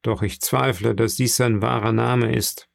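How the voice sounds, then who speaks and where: A man's voice: medium pitch, steady tone, unhurried, creaky, no echo, studio quality. A man voicing a grown sailor who answers respectfully and evasively. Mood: guarded. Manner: respectful, addresses his listener formally. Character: adult male sailor, guarded and evasive.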